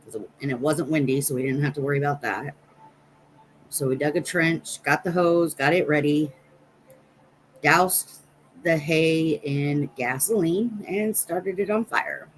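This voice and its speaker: In a low-pitched voice and at a slightly slow pace, an American streamer from Nebraska wanders through personal stories while chatting with her audience. The audio is poor and carries slight background noise.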